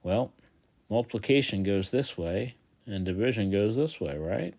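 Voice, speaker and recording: A man teaching a recorded math review lesson, chatty and joking, repeating each step slowly. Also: fairly low pitch, expressive, darkish tone. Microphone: tablet voice-over of a whiteboard.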